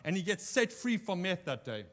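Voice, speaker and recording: Male preacher, high voice, animated storyteller, long church echo. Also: normal speed. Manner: animated anecdote-telling, acting out quoted dialogue. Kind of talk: sermon storytelling. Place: church hall.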